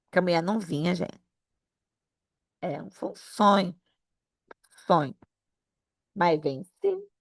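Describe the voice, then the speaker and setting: A woman with a Brazilian accent giving a sermon-style Bible lesson, telling stories in a lively way and acting out other people's words. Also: takes it slowly, long pauses. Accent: Brazilian Portuguese. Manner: lively storytelling, acting out quoted voices with big pitch jumps. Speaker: preacher teaching a Bible lesson.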